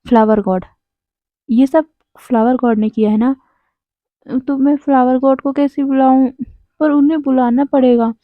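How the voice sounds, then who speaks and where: A woman voicing a whiny, dramatic young man who complains and pleads loudly. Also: high voice, fairly even intonation, normal speed, dry recording, narrow, tinny audio, close to an everyday voice. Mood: pleading shouts.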